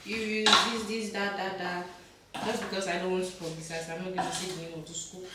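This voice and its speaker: A woman's voice: on the low side, little pitch movement, fairly quick, heavy background noise. A young woman from Nigeria, a student guest who chats in a rambling way while cooking in a home kitchen. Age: young adult. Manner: chatty, rambling, many "like" and "basically". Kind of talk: casual interview while cooking. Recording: echoey kitchen, camera from far off. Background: cutlery and pans clattering.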